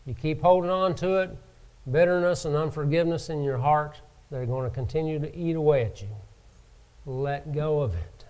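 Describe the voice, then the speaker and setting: A man preaching a sermon from the pulpit, slow and emphatic, rising in pitch and volume to stress his points. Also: darkish tone. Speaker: pastor.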